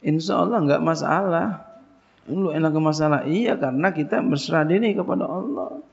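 Speaking at a moderate pace in a fairly high voice with vocal fry, this man lectures informally on religion as a pesantren teacher. His colloquial call-and-response style has him quizzing listeners and supplying the answers, and the recording is dull and lo-fi.

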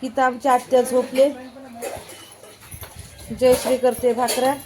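A woman's voice: sits high, flat delivery, measured pace, background noise. A woman, chatting casually as she shows her family and rural home in a vlog. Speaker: vlogger. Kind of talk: casual village vlog narration.

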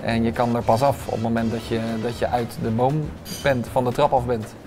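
Over music, a restaurant owner in his thirties gives interview answers fairly quickly in a level, medium-pitched voice, using many hesitant fillers. The recording comes from a lapel mic in a bright restaurant dining room.

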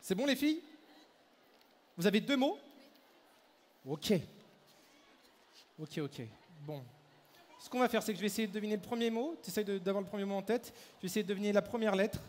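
High-voiced man mentalist on stage. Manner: brisk, directs audience and volunteers on stage. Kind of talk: live stage mind-reading show. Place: large hall at a fair. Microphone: handheld microphone. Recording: echoey hall, faint crowd ambience.

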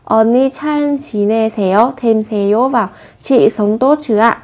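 Woman teacher going over korean phrases, asks lots of questions, kinda high voice. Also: fast talker, a little mellow. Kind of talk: explaining Korean phrases in Vietnamese.

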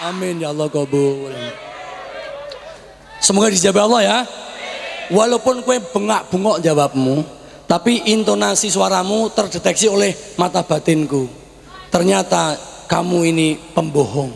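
High-pitched teasing Javanese preacher, gravelly. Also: male voice, moderate pace. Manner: teasing call-and-response, shouting questions. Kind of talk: lively sermon to students. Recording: echoey hall recording.

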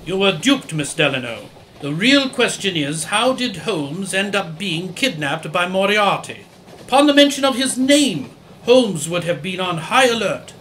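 In a roomy, echoing space, a man plays an indignant gentleman doctor for an audio drama. His voice is high for a man and sharp, with formal, emphatic delivery. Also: sing-song, measured pace, exaggerated voice. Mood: stern, measured. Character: earnest, indignant gentleman doctor, loyal friend of a detective. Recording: roomy echo, faint background noise.

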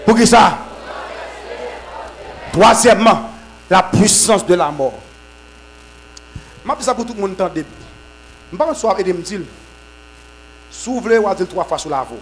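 A man preaches a sermon. His voice sits high for a man. He swings from shouted, fervent bursts to lower, quieter teaching. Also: lively intonation, a little slow, pauses often, slight background noise, poor audio. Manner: shouts in fervent bursts with repeated amens, drops low when teaching. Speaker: apostle preaching at a conference.

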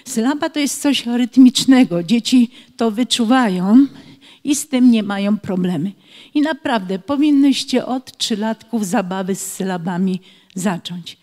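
A middle-aged woman who writes for early education explains speech games to preschool teachers in an online conference, now and then reading short children's rhymes slowly and rhythmically. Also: fairly high pitch, darkish tone. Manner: explanatory, reads children's rhymes aloud with slow rhythmic emphasis. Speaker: author and early-years educator. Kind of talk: webinar talk for preschool teachers. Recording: long hall reverb.

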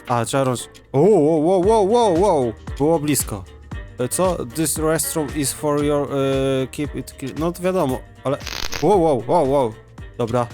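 A young man giving let's play commentary, excitable and laughing, often swearing and reading game text aloud. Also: mid-range voice. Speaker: gaming YouTuber.

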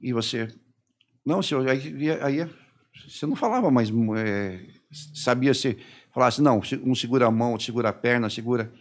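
A middle-aged man from Brazil, a podcast guest, telling his story haltingly and quoting the people who questioned him. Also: mid-range voice, expressive. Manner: halting retelling, quoting his interrogators and himself. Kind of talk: personal testimony in a podcast interview.

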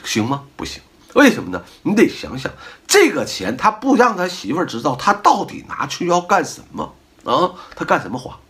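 A man's voice: fairly high pitch, a little fast. A middle-aged man hosting his own advice talk, speaking emphatically and firing off rhetorical questions as he lectures. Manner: animated, full of rhetorical questions. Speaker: host giving life advice. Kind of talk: casual advice monologue.

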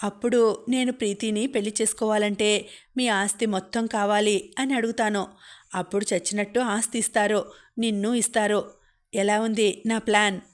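A woman's voice: medium pitch, steady tone, normal speed, natural voice. A woman voicing a brash, scheming young man who taunts and boasts, in a storybook reading.

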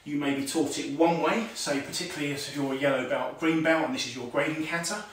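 Speaking fast in a fairly high, steady voice, a karate instructor in his forties runs an online martial arts class at home, talking through moves as he shows them and calling out commands with frequent "okay"s. A stand-mounted camera sits far away, so his voice sounds distant in the echoey, tiled room.

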